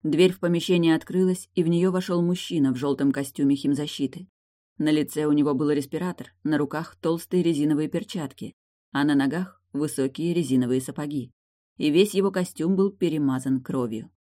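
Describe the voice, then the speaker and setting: A woman reading a novel aloud as an audiobook narrator, steady and even. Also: low-pitched, brisk. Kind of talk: scripted narration.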